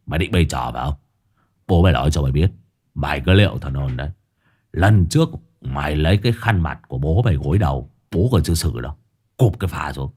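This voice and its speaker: A man putting on a gruff, coarse young lout. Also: extremely low pitch, lively intonation, fast, darkish tone, voice pushed down, heavily acted. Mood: threatening. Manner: coarse, swearing, grumbling. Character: gruff loutish young man, cowardly bully.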